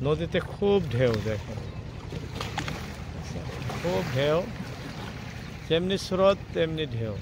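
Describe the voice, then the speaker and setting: A man talks casually to his viewers from a small boat out on a broad river, pointing things out as he goes. His voice sits a little high for a man. Faint wind and water noise run under the handheld recording. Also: expressive, slow pace, pauses often. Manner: addresses viewers often, points things out as they happen. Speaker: fishing vlogger filming from a boat. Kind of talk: casual live commentary to viewers. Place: small wooden boat on a wide river, outdoors.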